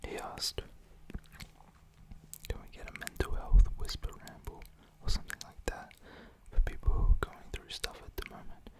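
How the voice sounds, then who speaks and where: With a soft, breathy whisper near the mic, a man rambles casually at a moderate pace in an ASMR chat. He's an ASMR creator whose manner is informal, gentle and reassuring.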